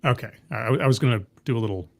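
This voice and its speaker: Rapid-fire and mid-range in pitch, a streamer delivers casual live commentary while reacting to a video. Along the way he makes skeptical, wry asides and thanks viewers in chat.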